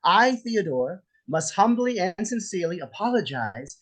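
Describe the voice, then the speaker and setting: A menacing, jealous husband with a gun, acted by a man at a script read. He is sarcastic and foul-mouthed, with theatrical, very animated swings in pitch. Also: moderate pace, full character voice. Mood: demanding. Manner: theatrical, mocking, profane. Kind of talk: table read of a film script. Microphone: video call.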